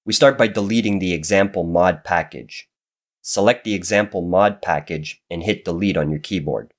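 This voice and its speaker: Getting over a cold has made this man's deep voice a bit raspy and nasal. Speaking at normal speed, he narrates a screen-recorded coding tutorial, explaining each step steadily and methodically.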